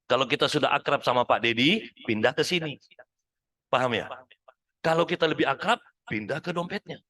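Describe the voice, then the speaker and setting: A man giving a lively motivational talk at a midday mosque study session, showing off different ways of using the voice and often addressing the men as "Pak.". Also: medium pitch, a little fast.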